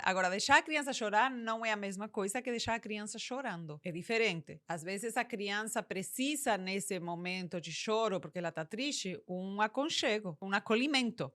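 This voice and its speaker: A woman's voice: fairly high pitch, fairly bright tone. A woman giving parenting advice to camera, emphatic and scolding, with many rhetorical questions and repetitions. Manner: scolding, incredulous tone. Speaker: parenting coach. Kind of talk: direct-to-camera advice talk.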